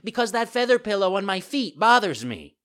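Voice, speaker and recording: A stubborn little marionette boy from a storybook. The voice is pitched far up, loud and whining. It protests petulantly and swings widely in pitch. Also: very animated, quick pace. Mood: whiny, stubborn.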